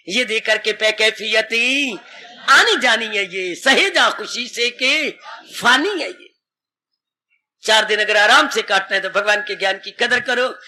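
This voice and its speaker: A man's voice: very high voice, sharp tone. An older man, a swami, giving a devotional sermon on the Gita, emphatic and repeating his key phrases. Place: satsang hall.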